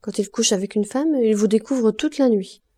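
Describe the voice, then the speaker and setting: A woman putting on a worn-out young laundress with a bitter, reckless streak. She tells her tales brashly and cynically, in a warm, mellow tone. It is the reader's own voice, barely changed. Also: a little high, brisk, lightly acted. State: hoarse cough.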